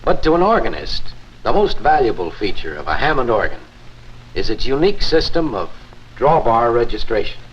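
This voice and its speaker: An actor plays a confident, courteous man, a church organist in a 1950s promotional film. He instructs like a 1950s narrator, formal and measured, with widely moving intonation. The old soundtrack is dull, with faint noise. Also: medium pitch, very animated, natural voice. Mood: instructive, assured. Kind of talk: 1950s promotional film acting, scripted demonstration.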